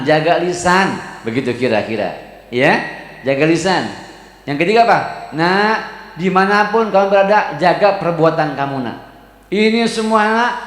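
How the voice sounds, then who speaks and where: Betawi guy preaching in a mosque, slow arabic then chatty slang, echoey hall. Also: fairly high pitch. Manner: recites Arabic slowly, then explains in casual Jakarta slang. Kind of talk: mosque sermon.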